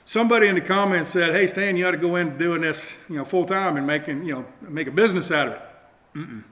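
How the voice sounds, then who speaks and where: The host of a DIY build vlog, a middle-aged man, talks fast in a fairly high, fairly bright voice. His hands-on show-and-tell is loose and rambling, folksy and casual, with plenty of self-deprecation. Faint noise and an echoey room are audible on the camera mic.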